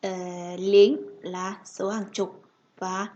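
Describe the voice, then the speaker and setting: A woman with a Vietnamese accent teaching a language lesson, saying each number twice, slowly and clearly. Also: mid-range voice, flat delivery, dark tone, highs cut off, slight background noise. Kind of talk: slow, repetitive counting lesson.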